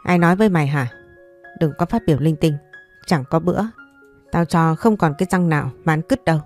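A woman's voice: sits low, a little fast, darkish tone, soft background music, natural voice. A woman voicing a harsh rural mother who scolds and threatens in a story reading. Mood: scolding.

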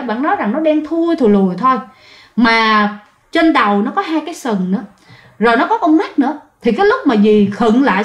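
A woman telling a ghost story, chatting directly to her listeners. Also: a little high. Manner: conversational, addresses listeners directly. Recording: roomy echoey recording.

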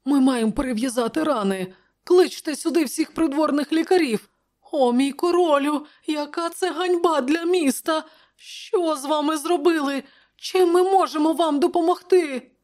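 A woman voicing a fussy, plump old male royal adviser in a high, flustered voice. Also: normal speed, darkish tone, lightly acted. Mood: panicked. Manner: shrill, flustered.

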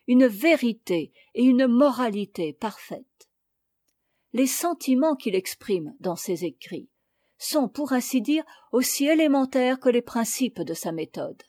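Woman audiobook reader, fairly high, mellow voice, unhurried essay reading, dry close sound. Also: no room sound. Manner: measured, deliberate reading. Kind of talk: reading a classic essay aloud.

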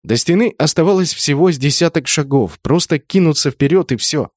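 A man giving brisk first-person narration of an audiobook. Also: on the high side, lively intonation, a little mellow, no echo, clean studio sound.

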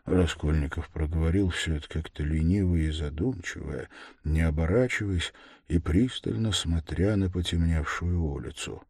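A man reading an audiobook narration in a measured way, dropping low and quiet on reflective lines. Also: gravelly, husky, no echo. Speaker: audiobook reader. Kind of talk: scripted narration.

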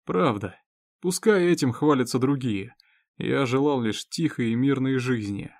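A man voicing a drunk, weary, sarcastic man, hoarse and sluggish. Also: medium pitch, a little slow, darkish tone, no room sound, studio quality, close to an everyday voice. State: drunk, groaning.

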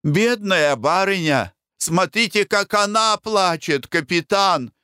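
A man's voice: high voice, animated, slow pace, bright, forceful tone, clear, resonant tone, no room sound, studio quality, voice pushed up, full character voice. A man doing a fussy, pleading old maid.

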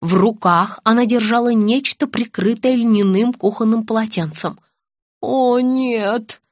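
A woman reads an audiobook with ironic, lively storytelling. Her voice sits fairly high, and the recording is dry and close. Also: moderate pace, no echo. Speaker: narrator. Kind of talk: audiobook narration.

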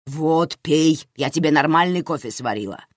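A woman voicing a loud fussy doting aunt. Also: deep voice, expressive, normal speed, no room sound, studio quality. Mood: effusive fussing. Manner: effusive, exclaiming, fussing.

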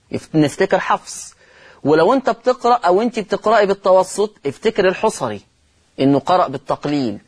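Male host of a recitation lesson, Egyptian accent, fairly high voice, repeats terms and draws out words to demonstrate. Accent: Egyptian Arabic. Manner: quizzes listeners with repeated rhetorical questions. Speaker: Quran recitation teacher, show host. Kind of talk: televised Quran recitation lesson.

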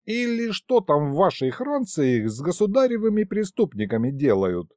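A cantankerous old grandfather, as a male storybook reader puts him on, hollering and grumbling in rustic, old-fashioned turns of phrase. The voice sits fairly high and leaps wildly up and down as he rants. It is close and dry, with no room sound. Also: sing-song, moderate pace, no echo. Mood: lecturing. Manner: shouting, folksy old-fashioned speech.

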